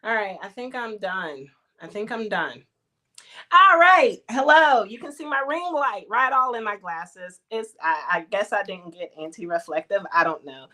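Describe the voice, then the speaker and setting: A woman's voice: mid-range voice, animated, moderate pace, bright, forceful tone. A woman, hosting a casual livestream and chatting with viewers. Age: 40s. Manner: chatty, Southern-tinged "y'all" slang, laughs often. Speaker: livestream host.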